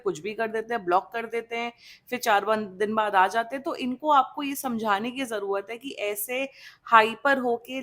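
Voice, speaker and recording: A woman giving a casual, chatty tarot reading, switching between Hindi and English. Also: a little high. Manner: chatty, animated, mixing Hindi and English, frequent restarts. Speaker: tarot reader.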